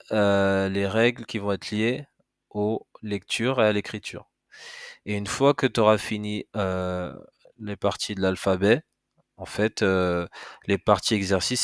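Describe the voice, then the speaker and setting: Male teacher, low voice, casual and patient, explains step by step, dry close recording. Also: no echo. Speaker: Arabic teacher. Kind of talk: casual spoken lesson.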